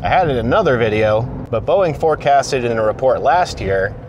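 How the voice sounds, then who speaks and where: A man's voice: medium pitch, lively intonation, fairly quick, highs cut off. A man in his late thirties, an apprentice aircraft mechanic, talking casually and encouragingly to camera in his car. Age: 30s. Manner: plain-spoken, encouraging, direct. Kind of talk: casual commute vlog. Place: inside a car. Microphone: camera mounted on the dashboard. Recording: car recording with clear road noise. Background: car and road noise.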